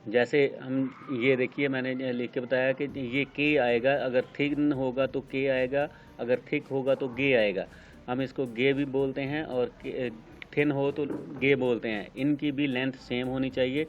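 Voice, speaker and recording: A man with a Pakistani accent teaching shorthand, explaining step by step with many pauses. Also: medium pitch, level tone, soft background music. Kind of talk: screen-recorded tutorial explanation. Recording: dull lo-fi sound with faint noise.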